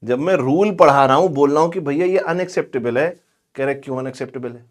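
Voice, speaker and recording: A man teaching English grammar in a chatty, scolding classroom lecture. He drags out example words slowly. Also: fairly high pitch. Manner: chatty and scolding, calls students "bhai" and "pagle".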